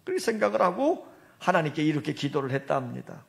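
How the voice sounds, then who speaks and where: A woman's voice: deep voice, very animated, fast talker, gravelly. A woman senior pastor preaching a sermon, telling stories and addressing the congregation directly. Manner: storytelling, addresses congregation, leads call-and-response.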